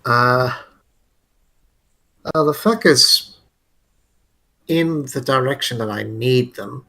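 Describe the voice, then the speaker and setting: A man's voice: mid-range voice, slow, vocal fry, bright, forceful tone. A man playing a tabletop game, hesitant with many fillers and playful swearing. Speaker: player. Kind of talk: casual tabletop game play.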